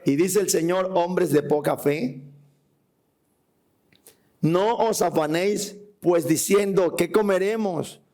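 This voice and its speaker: A man's voice: sits high, slow, pauses often, dark tone. A man preaching a sermon to a church congregation. He reads scripture aloud and puts questions to the listeners. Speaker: pastor. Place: church hall before a congregation.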